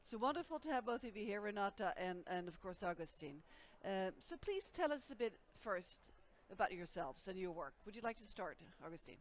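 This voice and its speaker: A woman's voice: medium pitch, big pitch swings, brisk, hardly any pauses. A woman hosting an interview, often repeating words as she looks for them. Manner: warm-hearted, repeats words while finding them. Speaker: host. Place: busy conference venue.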